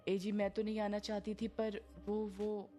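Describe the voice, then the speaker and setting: A shy, hesitant village wife, as a woman narrator plays her, her voice lifted a little higher and softly pleading. The tone is mellow, with faint music behind. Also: completely flat delivery, unhurried, close to an everyday voice. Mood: meek. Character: timid young village wife.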